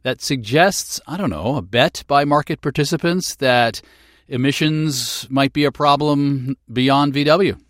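A man's voice: mid-range voice, measured pace, a bit bright, dry recording. Male news host, medium register, scripted radio delivery, dry studio.

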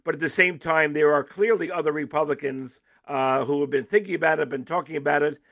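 A man giving political analysis as an interview guest, animated and emphatic, often restarting his sentences. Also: fairly high pitch, fairly quick.

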